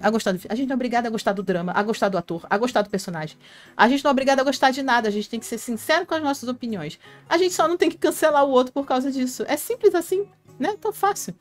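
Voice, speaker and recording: A Brazilian woman hosting a casual live stream, reading viewer comments aloud and chatting to fans by name, laughing often. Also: high voice. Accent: Brazilian Portuguese. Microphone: headphone mic.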